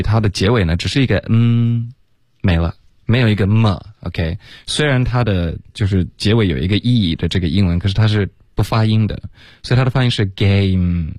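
A male English teacher on a radio lesson, his voice sitting very low. He explains pronunciation and mixes in English phrases. The sound is close and dry with no room. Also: darkish tone, no echo. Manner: mixes English words into his talk, models words slowly.

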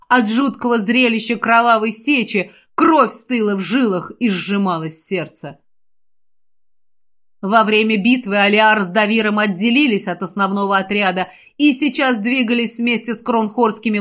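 A woman narrating a fantasy novel in a steady, expressive audiobook reading. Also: mid-range voice. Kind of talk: scripted narration.

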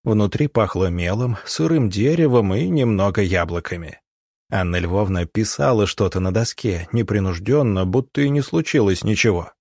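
A male audiobook narrator reads in a steady, measured way. His voice is low and slightly husky. The recording is dry and close. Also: no echo. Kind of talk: scripted narration.

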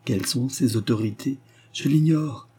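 A man's voice: medium pitch, moderate pace, warm tone, slightly rough, voice pushed up, natural voice. A male narrator voicing a distraught, weeping old pastor who pleads in despair, in a storybook reading. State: crying. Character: tearful, devoted old pastor.

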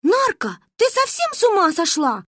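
A woman voicing a bossy, sharp-tongued little girl who scolds her friend in a high, squeaky voice. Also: very animated, normal speed, dry recording, clean studio sound, exaggerated voice. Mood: cross.

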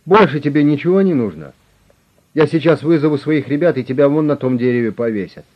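A man voicing a blustering, threatening male crime boss who snaps and menaces in a loud, raised voice. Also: a little high, expressive, a little fast, pitched above the performer's own voice. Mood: menacing. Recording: dull lo-fi recording.

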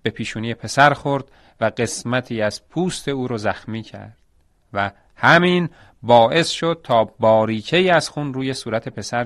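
A man's voice: fairly low pitch, a bit bright, no echo, clean studio sound. A man narrating a folk tale for an audio story, dramatic and addressing his listeners directly.

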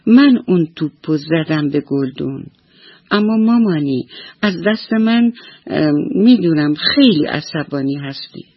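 Brief: high, childlike little boy mouse, anxious and fretful, as a woman storyteller puts him on, husky edge, dull radio sound. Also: animated, no room sound, full character voice. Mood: remorseful.

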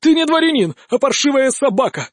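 A raised, strained voice of an arrogant nobleman who brags and yells, then begs for his life, as an audiobook narrator puts him on. The tone is high and loud with a close, dry sound. It is a storybook villain who is all bluster and little courage. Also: big pitch swings, brisk, dry recording. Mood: furious. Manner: shouting, boastful then pleading. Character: arrogant cowardly noble male duelist. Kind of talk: audiobook character voice.

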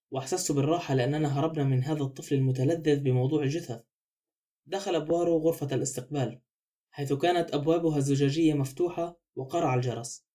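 A man narrates a novel at a fast clip, his voice mellow and dark. His delivery is brisk and even, with a slightly raised pitch for a man. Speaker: audiobook narrator. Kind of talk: scripted narration.

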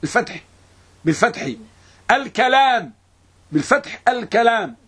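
A man teaching an Arabic grammar lesson in a classroom, reciting verses slowly and quizzing his students. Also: sits high, breathy edge. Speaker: Islamic scholar teaching grammar.

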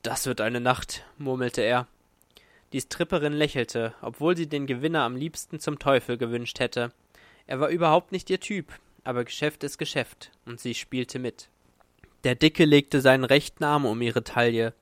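A man's voice: mid-range voice, moderate pace, a bit bright, no room sound. Man reading a pulp thriller aloud. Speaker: audiobook reader. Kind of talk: dramatic audiobook narration.

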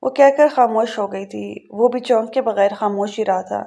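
Calm woman reading a novel aloud. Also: a little high, creaky. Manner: calm, measured, with small self-corrections. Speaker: narrator.

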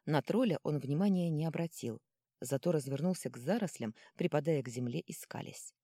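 A woman narrating a fantasy novel in a lively, expressive reading. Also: sits low, a little fast, no echo, clean studio sound. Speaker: audiobook narrator.

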